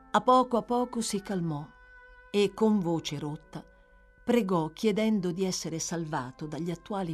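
A woman narrating a classic novel as an audiobook, measured and expressive. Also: on the low side, husky. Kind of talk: scripted literary narration.

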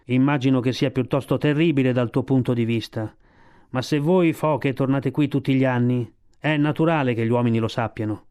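A man voicing a wise old male sea lion in a storybook reading, giving slow, measured advice. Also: mid-range voice, a little mellow, clean tone, lightly acted. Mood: advising.

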